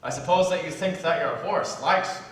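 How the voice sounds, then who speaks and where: An actor playing a dry, wisecracking servant who is cynical about employers, in a live stage play. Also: male voice, on the high side, moderate pace, a bit bright, slight background noise, natural voice. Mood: wry. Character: wry sardonic male servant, cynical about bosses. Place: theater stage. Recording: echoey hall, taped from far off.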